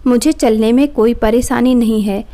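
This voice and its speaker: A woman's voice: fairly high pitch, steady tone, moderate pace, warm tone, natural voice. A woman voicing a proud, angry young wife who talks sharply and defiantly.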